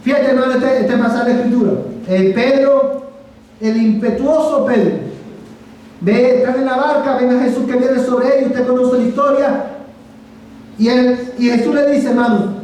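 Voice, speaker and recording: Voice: high voice, normal speed, a little mellow. Brief: fervent preacher, questions the congregation, recorded far off in a reverberant church with faint noise. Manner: emphatic, asks the congregation rhetorical questions; addresses listeners as brother. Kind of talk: sermon. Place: church sanctuary. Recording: echoey sanctuary, mic from far off.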